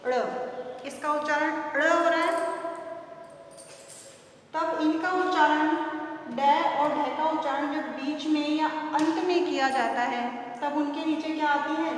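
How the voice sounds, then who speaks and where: Casting: high-voiced woman teacher, far from the mic, echoey room, asks and answers her own questions. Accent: Hindi, North Indian. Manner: asks questions and answers them herself, stretching key words slowly. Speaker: school teacher. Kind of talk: classroom grammar lesson. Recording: echoey distant room recording with faint noise.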